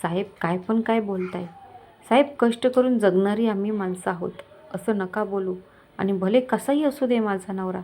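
A woman's voice: mid-range voice, moderate pace, dark tone, lightly acted. Lady doing a poor village wife, begging but stubborn, proud, story voice. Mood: pleading. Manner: pleading yet firm and defiant.

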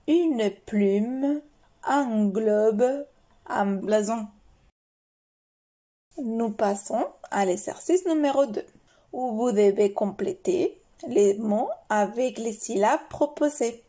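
A woman teacher with a French accent reading a phonics lesson, drilling syllables slowly and carefully. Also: a little high, mellow.

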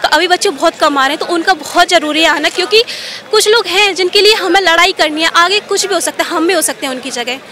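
A young woman, a student protester, speaking earnestly and a little haltingly in an outdoor street interview. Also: extremely high pitch, bright, forceful tone.

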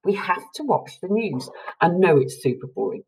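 A woman's voice: lowish voice, lively intonation, normal speed, darkish tone, slight background noise, rough recording. A woman voicing a brave young schoolgirl in a storybook reading, earnest and breathless.

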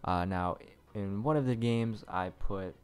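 A man's voice: fairly low pitch, measured pace, a little mellow, clean tone, faint music behind. A man talking casually to viewers as a gaming video creator. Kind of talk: casual video intro talk.

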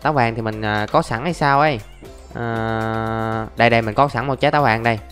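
A man's voice: mid-range voice, fairly quick, a bit bright. A young man chatting casually through his gameplay, narrating every step and calling out to his viewers. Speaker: gaming YouTuber. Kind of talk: casual Let's Play commentary. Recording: faint background music.

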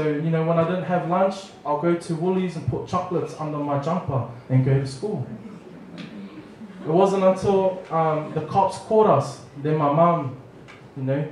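Animated preacher in an echoey hall. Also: male voice, a little high, far from the mic, slight background noise. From New Zealand. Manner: animated, acts out family dialogue with lively gestures. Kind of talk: storytelling sermon. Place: church hall, small room. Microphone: handheld mic, far camera.

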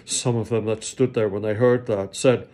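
Low, dark-toned male Bible reader, earnest and plain-spoken. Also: fairly even intonation, normal speed. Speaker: Bible reading host. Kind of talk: scripture reading and devotional commentary.

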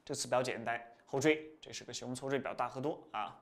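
A man teaching a vocabulary lesson in a lively, repetitive way. He pushes up in pitch and loudness to stress key points, then drops off quietly at the ends of phrases. His voice sits at an ordinary middle pitch. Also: rapid-fire. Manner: lively, repetitive explaining with rising emphasis and trailing-off endings.

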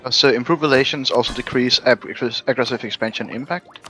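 Fast-talking man asking about game rules. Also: mid-range voice, pushed and bright, soft background music. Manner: asks quick questions about game rules. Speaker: fellow player. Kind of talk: casual multiplayer gaming chat.

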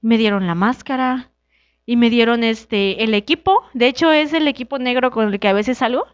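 A woman's voice: normal speed, clean tone, dry recording, dull audio. A young woman from Mexico, a wrestler being interviewed, telling her story casually and acting out the dialogue. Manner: animated, acts out quoted dialogue with shifting pitch. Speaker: guest, wrestler.

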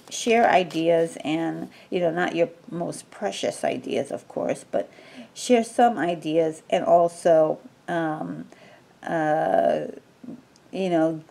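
A woman's voice: on the low side, gravelly, dark tone. A woman giving a casual tarot reading, talking in a rambling way with many fillers and restarts. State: sneezing from allergies. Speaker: tarot reader.

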